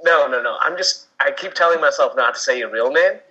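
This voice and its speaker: Joking man with a bright husky voice. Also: mid-range voice, expressive, fairly quick, lo-fi sound. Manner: joking, laughs often. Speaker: podcast co-host. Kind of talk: casual podcast chat.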